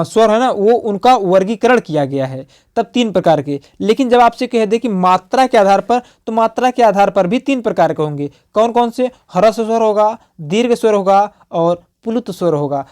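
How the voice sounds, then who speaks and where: A man's voice: high voice, darkish tone. A male teacher going through exam prep questions in a lesson. He keeps asking and answering his own questions, repeating key terms as he writes on the slide. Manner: repetitive quizzing, asks and answers own questions.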